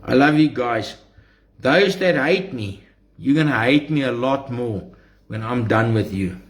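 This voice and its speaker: Slow-talking South African man addressing followers. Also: medium pitch, expressive. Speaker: social media streamer. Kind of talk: live monologue addressed to followers.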